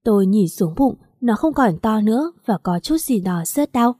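A woman reading a first-person story aloud in steady, earnest narration. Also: fairly high pitch, normal speed, slightly rough, no room sound, studio quality. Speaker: story reader.

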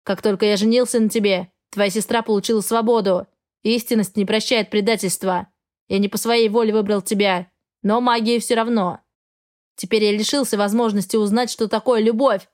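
A woman voicing a cold, arrogant male dragon husband who speaks in a flat, indifferent tone. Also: mid-range voice, moderate pace, close to an everyday voice.

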